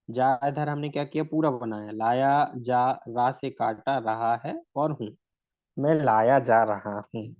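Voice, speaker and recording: A man's voice: mid-range voice, no room sound, lo-fi sound. A man teaching shorthand in a recorded lesson, stretching out words one at a time as he explains. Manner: slow and deliberate, drawing out words one at a time.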